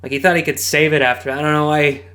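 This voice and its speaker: A man reads online posts aloud in a casual way, with a voice that sits a bit high for a man. He breaks off into jokes and quick asides, laughing often. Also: flat delivery, pushed and bright. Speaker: host reading online posts. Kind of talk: casual read-aloud with commentary.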